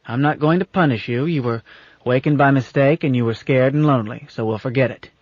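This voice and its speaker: A man doing a gruff, folksy old captain. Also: medium pitch, brisk, no room sound, close to an everyday voice. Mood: stern, folksy. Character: gruff, bossy old space captain, affectionate. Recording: dull lo-fi audiobook recording.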